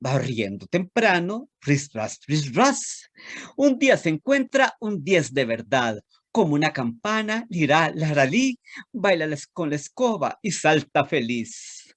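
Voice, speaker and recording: A man with a Costa Rican accent giving a lecture on children's poetry and reciting a rhyming tale in an expressive, theatrical manner. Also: a little high, measured pace, no room sound.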